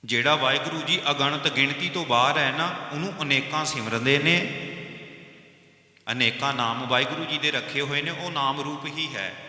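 A man with a Punjabi accent teaches a Sikh scripture line by line, chanting each verse slowly and then explaining how to pronounce it. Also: mid-range voice, bright, forceful tone. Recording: echoey hall with long reverb.

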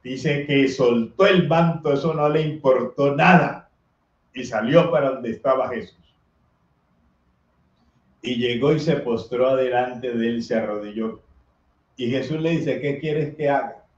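A priest reads the gospel and gives a homily, speaking earnestly and sometimes shouting out the voices of people in the story. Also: male voice. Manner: slow, earnest preaching that acts out voices from the story in a high, loud shout. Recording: echoey, slightly dull recording.

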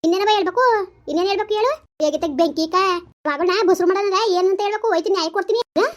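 A woman's voice: very high voice, rapid-fire. A woman voicing a young village wife who sharply defends her husband. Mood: indignant. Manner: sharp, indignant questioning.

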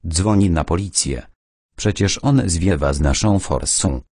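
A man voicing a panicky young gas station worker who yells at his coworker in an audiobook. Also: deep voice, measured pace, dry recording, studio quality. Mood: panicked. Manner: yelling, panicky.

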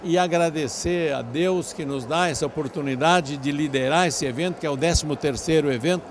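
An older man, speaking a touch high for a man. He is an effusive, grateful event organizer who talks in long flowing runs into a handheld mic. Loud chatter fills the big event hall behind him. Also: a little fast, slight background noise. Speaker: event organizer being interviewed. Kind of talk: outdoor event interview. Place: large covered event hall, crowded charity dinner.

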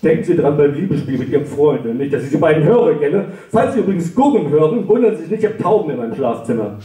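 A man reads his own darkly comic prose at a live event, with dry, sarcastic timing and sudden shrill rants. His voice sits a bit high and is picked up from a distance in an echoing library hall. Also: expressive, quick pace, dark tone. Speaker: author reading his own texts. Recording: roomy hall, voice far from the mic.

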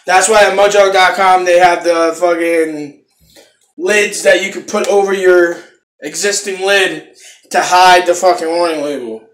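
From a small room at home, a young man gives his viewers a laid-back product review, swearing freely and recorded close up on a phone camera. He speaks unhurriedly in a high, slightly bright voice with fairly even intonation, and the sound is roomy.

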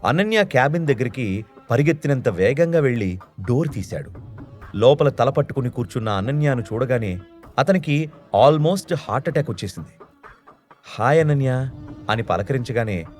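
A man narrating a scripted audio story in an expressive way. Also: medium pitch, normal speed, faint music behind.

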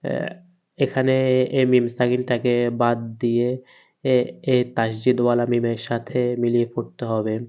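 A man teaching Quran recitation, spelling out each letter patiently and chanting the verses slowly. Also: mid-range voice, completely flat delivery, smooth, dull audio.

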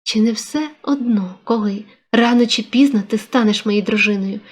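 A woman's voice: a little high, normal speed, lightly acted. A woman reading a novel aloud, voicing an ardent, insistent young man who presses a proposal. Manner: pressing, persuasive.

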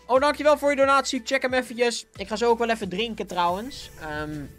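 Here a young man with a Dutch accent chats through his game on a livestream, giggling and bouncy even with a sore throat. His voice is very high, a bit bright, and a little fast, and faint music can be heard behind him.

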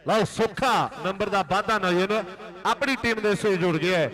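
High-voiced and a bit bright, a Punjabi-accented Indian man commentates live from a village kabaddi tournament ground at a moderate pace. He delivers frantic rural sports commentary, exhorting the players and repeating phrases over and over.

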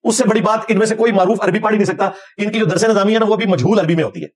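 Religious scholar guy lecturing, pushy and challenging, kinda high voice. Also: very fast, slightly rough. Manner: emphatic, challenging.

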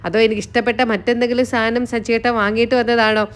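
A woman's voice: fairly high pitch, level tone, fast talker, natural voice. Brief: playful young wife in a retold serial, teasing her husband, read by a woman narrator.

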